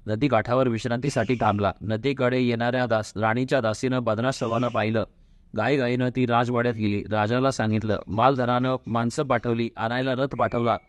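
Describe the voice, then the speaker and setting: A man's voice: medium pitch, no room sound. Man reading a devotional folk tale. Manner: steady, measured storytelling. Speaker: storyteller.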